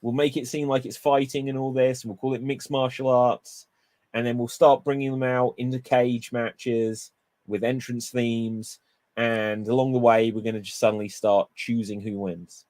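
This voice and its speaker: A man's voice: medium pitch, moderate pace, no echo. Man spinning playful theories, dry sound. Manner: animated, spins playful theories. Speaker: wrestling show co-host. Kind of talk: casual chat.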